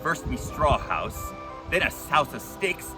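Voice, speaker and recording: A man playing a gruff, bumbling pirate in a family stage play, with growly pirate talk. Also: on the high side, sing-song, unhurried, over music, rough recording. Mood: blustery.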